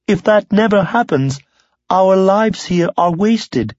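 A gentle young woman who pleads softly with her leader, as a man voices her in a raised, light voice. The recording is dry and a little dull. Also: sits high, lively intonation, slow pace, no room sound, pitched above the performer's own voice. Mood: pleading. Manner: soft, pleading.

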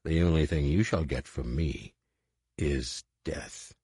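Audiobook villain: man putting on a deep, husky, hissing alien warlord, slow and contemptuous. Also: a little mellow, dry recording, clean studio sound, exaggerated voice. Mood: menacing. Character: cold, sneering alien warlord in disguise, cruel and contemptuous.

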